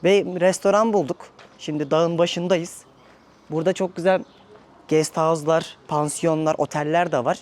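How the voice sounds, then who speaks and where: A man with a slightly high voice hosts a casual travel vlog outdoors and on the road, chatting informally and directly to viewers at a normal speed in a steady tone. The outdoor audio is noisy, with traffic in the background.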